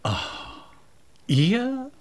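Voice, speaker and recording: A hesitant cobbler posing as an astrologer. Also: male voice, very high-pitched, huge pitch swings, extremely slow, heavily acted. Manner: hesitant, drawn out, mutters to himself. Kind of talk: children's radio play.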